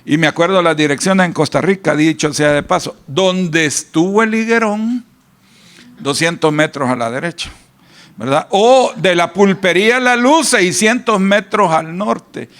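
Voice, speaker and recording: A man with a Salvadoran accent preaches in a high, light voice. He tells his sermon like a neighborhood story, full of asides and "¿verdad?" checks with the congregation. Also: unhurried, a bit bright. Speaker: pastor.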